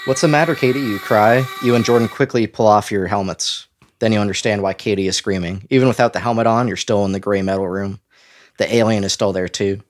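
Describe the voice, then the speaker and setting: A man's voice: on the low side, fairly even intonation, fairly quick. A man from Nova Scotia co-hosting a casual podcast and reading a kids' book aloud. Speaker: podcast co-host.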